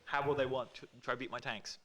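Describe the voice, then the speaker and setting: A man's voice: mid-range voice, steady tone, brisk, pushed and bright. A man in a casual podcast chat, boastful and playful.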